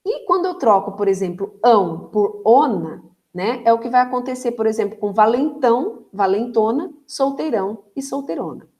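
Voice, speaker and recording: A Brazilian woman teaches a recorded grammar lesson in a fairly high voice. She explains patiently, checks understanding with quick tag questions, and slows down to stretch words so their syllables stand out. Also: lively intonation, a little mellow. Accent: Brazilian Portuguese.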